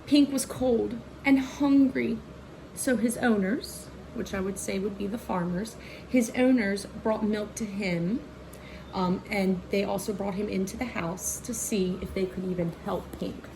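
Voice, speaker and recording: A woman reads a children's picture book aloud the way a teacher would, expressive and aimed at kids, pausing for asides that point things out and pose questions. Her medium-pitched voice is a little slow and carries vocal fry, with background noise in the recording.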